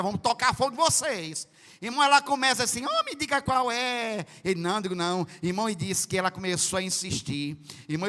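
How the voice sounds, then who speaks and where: A Northeastern Brazilian man preaching a Pentecostal sermon, acting out quotes and breaking into sudden loud bursts. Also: high voice. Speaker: pastor. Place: large church hall. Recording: reverberant church sound system.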